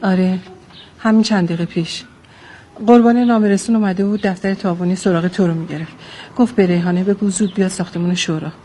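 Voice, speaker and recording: An actress playing an inquisitive, brisk village woman in a drama. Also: lowish voice, steady tone, mellow, a little hiss or hum, lightly acted.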